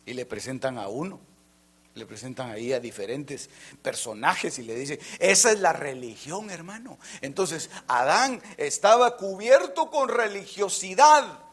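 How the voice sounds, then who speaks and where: A man preaching a fervent sermon, jumping from loud emphatic lines to near-whispers and often addressing listeners as brother. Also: a little high, animated, measured pace, husky. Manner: keeps calling listeners "hermano".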